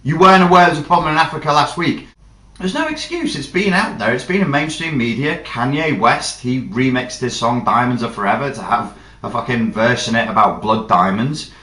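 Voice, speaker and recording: A man ranting sarcastically and swearing, with clear exasperation. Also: mid-range voice, lively intonation, a little fast, sharp tone. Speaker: vlogger. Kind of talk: ranting commentary. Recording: roomy echo.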